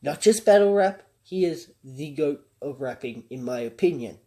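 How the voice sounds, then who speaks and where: A man's voice: fairly high pitch, animated, moderate pace, dark tone. A man hosting a reaction commentary, talking through song lyrics in a conversational, analytical way and chuckling often. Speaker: commentary channel host.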